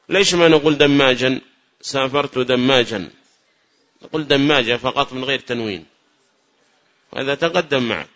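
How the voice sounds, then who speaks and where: A man's voice: medium pitch, sharp tone. A man teaching a grammar lesson to students, explaining patiently, repeating points and quizzing them. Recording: muffled lo-fi recording.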